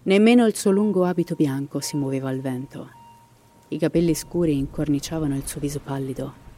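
A woman's voice: low voice, fairly quick, mellow. A woman narrating a scripted horror story with dramatic pacing and sardonic comic asides, also bantering as host.

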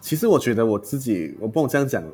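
Man, quick pace, husky tone, casual guest chat, soft music in background. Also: mid-range voice, sing-song. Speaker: podcast guest.

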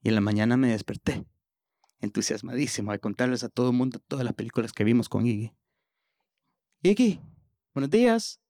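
A man telling a personal story on stage in a lively way, often stumbling over repeated words as he restarts. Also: medium pitch, fast talker, dry recording, clean studio sound. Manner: animated, with stammered restarts.

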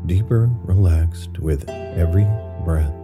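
Male sleep-story narrator for guided meditation, low and soothing, over prominent new-age guitar music. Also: slow.

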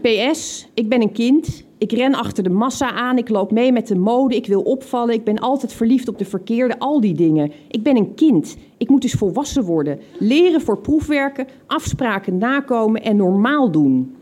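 A woman's voice: on the high side, lively intonation, normal speed, few pauses, mellow. A woman reading entries from her teenage diary aloud in a reflective way, now and then laughing at what she once wrote.

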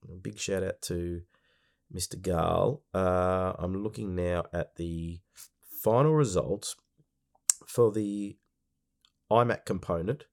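A man's voice: sits low, slow, vocal fry, long pauses, a little mellow. A man with an Australian accent, hosting a podcast in a casual monologue while congested with a cold. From Melbourne, Australia. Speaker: podcast host.

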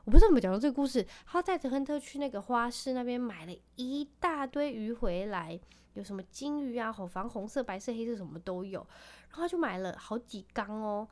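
Her voice is a little high, animated, slightly fast and a little mellow. She's a podcast host in her thirties, talking casually and warmly about family life with frequent laughter.

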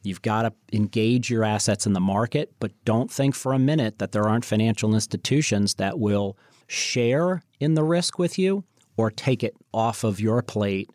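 A man's voice: lowish voice, moderate pace, darkish tone, dry recording, studio quality. A man hosting a financial talk show, speaking off the cuff and addressing listeners directly and emphatically. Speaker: financial radio show host. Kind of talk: unscripted advisory sales talk.

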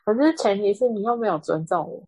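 A woman's voice: medium pitch, expressive, fast, darkish tone, breathy edge, dry recording, rough recording. A young woman co-hosting a podcast, listening and commenting supportively in casual chat. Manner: supportive listener, brief reactions. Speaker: podcast co-host.

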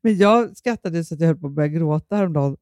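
A woman in casual chat who tells lively anecdotes, laughs often and acts out quoted dialogue. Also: deep voice, dry recording, studio quality.

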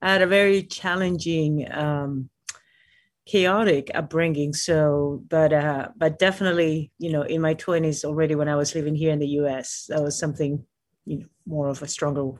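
A woman from Peru, a mountaineer guest in an interview, speaking in a halting way with many fillers and restarts. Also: sits low, fairly even intonation, no echo. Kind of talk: casual interview talk.

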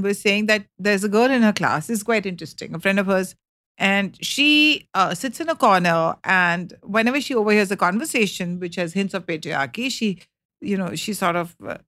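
A woman's voice: mid-range voice, fairly bright tone, no echo. Middle-aged lady chatting about movies, acts out lines, super dry close mic. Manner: chatty, acts out quotes and sounds. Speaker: co-host. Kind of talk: casual chat about films.

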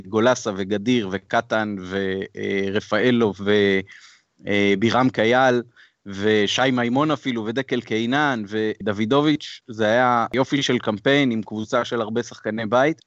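A man appearing as a podcast guest in casual chat, speaking in a measured way with pauses. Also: lowish voice, fairly even intonation, no room sound. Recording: dull lo-fi sound.

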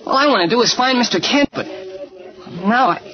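High, boyish Jimmy Olsen. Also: male voice, lively intonation, normal speed. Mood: dejected. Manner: earnest, boyish, pleading. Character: eager, earnest boyish young male newspaper sidekick. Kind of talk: 1940s radio serial acting. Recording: dull old radio recording, crowd noise.

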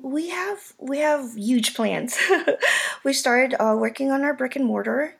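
A woman's voice: on the high side, vocal fry, husky. A woman from the Philippines, a food business owner answering interview questions in a chatty way with many "like" fillers. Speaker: Filipino caterer and pop-up owner.

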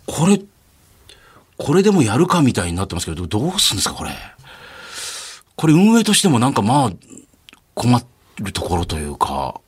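A man co-hosting a radio talk show, telling stories in a lively way with many fillers. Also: medium pitch, a little fast, long pauses, breathy edge. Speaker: radio co-host, announcer.

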